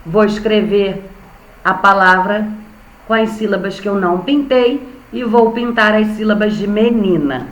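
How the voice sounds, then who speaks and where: A woman's voice: mid-range voice, measured pace, reverberant, rough recording. A young Brazilian woman teaching an online class to small children, patiently spelling out syllables. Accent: Brazilian Portuguese. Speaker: primary school teacher.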